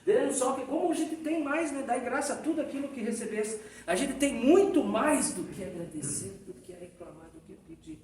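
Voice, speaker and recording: A man with a Brazilian accent giving a Spiritist lecture, telling stories in a lively, folksy way and often tagging his sentences with a question. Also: very high voice, fairly quick, few pauses, crowd noise. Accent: Brazilian Portuguese. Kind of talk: storytelling lecture. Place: Spiritist society hall. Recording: echoey hall, distant mic, faint noise.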